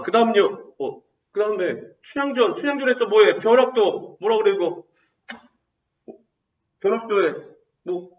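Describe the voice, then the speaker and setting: Guy teacher lecturing for exams, keeps firing questions then answering, kinda high voice, echoey room, a bit far from the mic. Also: dull audio. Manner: quizzing students with rapid rhetorical questions. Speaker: Korean literature teacher. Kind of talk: exam-prep lecture.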